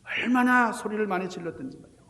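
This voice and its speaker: A man pastor giving a Sunday sermon as an animated storyteller in a church sanctuary. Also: sits high, quick pace, gravelly. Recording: echoey church hall reverb.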